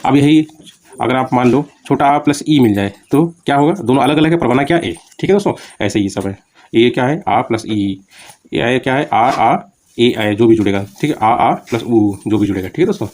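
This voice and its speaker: Guy giving a quick exam-prep grammar lecture, talks fast, mid pitch, keeps checking in with students. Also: darkish tone. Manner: talks fast, keeps saying "ठीक है" and "दोस्तों"; explains plainly with repeated examples. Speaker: Hindi grammar teacher.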